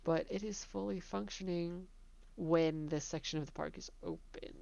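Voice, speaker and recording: A woman casually narrating a tour of her own theme park, chatty and relaxed, laughing between remarks. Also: on the low side, moderate pace, creaky, no echo, muffled recording.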